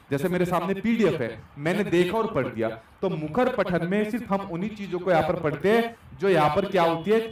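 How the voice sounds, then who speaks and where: A young man giving an exam-prep lecture as a teacher, explaining with lots of repetition and rhetorical questions. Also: sits high. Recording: echoey room, distant mic.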